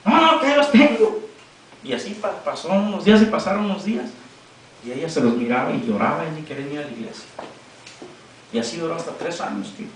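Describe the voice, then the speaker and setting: A man's voice: fairly high pitch, lively intonation, quick pace, distant mic, a little hiss or hum. A man preaching a sermon in a church, talking directly and conversationally to the congregation. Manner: conversational, addressing listeners directly. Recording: echoey church room from afar.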